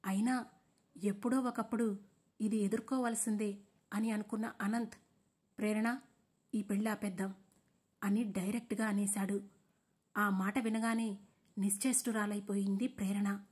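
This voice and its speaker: A woman narrating a drama story in a steady, measured reading style. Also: mid-range voice, husky.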